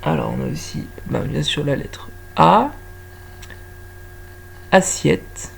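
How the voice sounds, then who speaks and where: A woman with a low, gravelly voice talks very slowly as she teaches children to write words by ear. She stretches every syllable out with patience. A faint hiss sits under the recording. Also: animated. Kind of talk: slow phonics lesson for young children.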